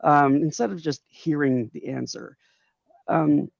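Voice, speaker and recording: A man co-hosting a podcast speaks in halting phrases. His voice is gravelly and a touch high, and it sits dry and slightly muffled on lo-fi audio. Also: dry recording. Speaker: podcast co-host. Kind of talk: casual interview chat.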